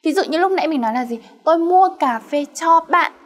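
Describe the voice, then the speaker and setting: A woman's voice: high-pitched, lively intonation, brisk. A woman teaching a grammar lesson, explaining step by step and checking in with her students through frequent questions. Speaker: Korean language teacher.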